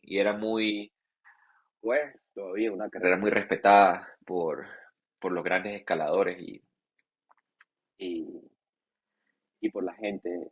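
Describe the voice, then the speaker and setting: A man, a cycling guest in a casual podcast interview, relaxed and joking, halting with many fillers. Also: deep voice, breathy edge. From Venezuela.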